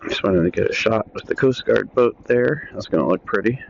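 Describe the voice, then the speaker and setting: A man's voice: lowish voice, brisk, gravelly. Man talking through a motorbike helmet intercom. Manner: relaxed, chatty, talking while riding. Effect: heard through a motorbike helmet intercom mic. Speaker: motorcycle vlogger. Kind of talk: casual riding commentary. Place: riding a motorcycle outdoors. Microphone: cheap Bluetooth helmet headset mic. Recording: muffled lo-fi helmet mic with faint road noise.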